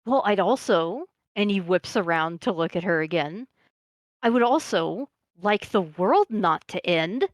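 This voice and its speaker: Woman playing a worn-out, resolute man: grudging, low voice, dry close mic. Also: animated, measured pace, no echo. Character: tired, determined man, grudging.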